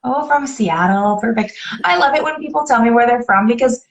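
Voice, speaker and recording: Hosting a casual live video interview, a woman from Alberta, Canada, sounds chatty and upbeat and often repeats herself. Her voice is on the high side and she talks fairly quickly.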